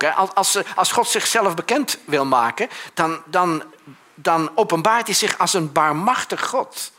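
A man preaching a sermon in a chatty, animated way, full of restarts and asides. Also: on the high side.

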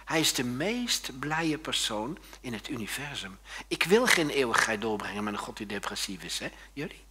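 A male pastor giving a sermon, lively and joking, often turning to the congregation with quick questions. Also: mid-range voice, heavy background noise.

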